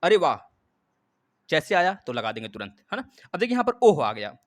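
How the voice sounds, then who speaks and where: A man teaching a live online class, lively, speaking straight to his students and repeating key points. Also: on the high side, fast, no room sound, clean studio sound. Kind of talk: live online exam-prep lesson.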